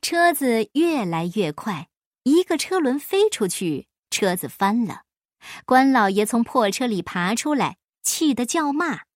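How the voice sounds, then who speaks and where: A woman storyteller reading a folk tale aloud in an expressive storybook style. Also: a little high, measured pace, no room sound, clean studio sound.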